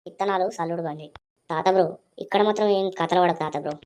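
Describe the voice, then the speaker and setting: A woman voicing a cheeky young grandson in a cartoon, teasing in quick banter. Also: on the low side, darkish tone, slight background noise. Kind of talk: cartoon voice acting.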